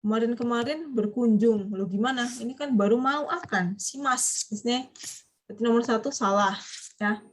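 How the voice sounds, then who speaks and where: A woman's voice: on the high side, moderate pace. A woman teaching a Japanese vocabulary class online, chatty and quizzing her students. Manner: chatty, quizzing students, frequent light laughs.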